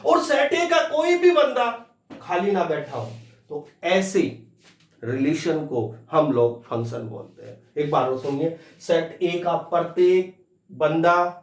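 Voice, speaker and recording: A man teaching a math lesson, repeating each point slowly and telling students to listen closely. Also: a little high, animated, echoey room, distant mic. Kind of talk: classroom lecture.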